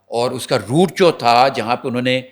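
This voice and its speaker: A male reporter on a TV talk show, telling stories in an animated way and addressing viewers directly. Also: medium pitch.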